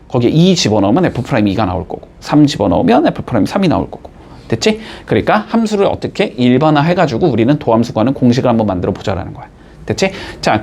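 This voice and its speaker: A man teaches a classroom-style math lesson, explaining each step and constantly checking in with students through short questions. His voice is on the high side with a darkish tone.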